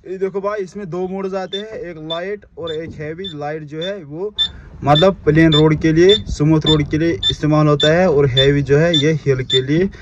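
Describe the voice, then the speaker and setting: एक जवान कश्मीरी लहजे वाला आदमी, जो फ़ोन हाथ में लेकर दर्शकों को अपना ट्रक दिखाता और समझाता है।. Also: male voice, on the high side, fairly even intonation, normal speed, lo-fi sound, background noise. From Kashmir. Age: young adult. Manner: friendly, shows things off to viewers. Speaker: trucker vlogger. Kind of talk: casual vlog walkthrough. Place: outdoors beside parked trucks and in the cab. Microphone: phone camera at arm's length.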